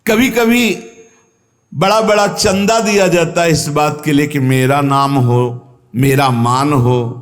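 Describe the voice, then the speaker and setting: A man's voice: fairly high pitch, slow pace. A man with a North Indian Hindi accent giving an earnest devotional sermon, repeating key phrases for emphasis. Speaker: spiritual teacher giving satsang. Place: ashram hall. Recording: long hall reverb.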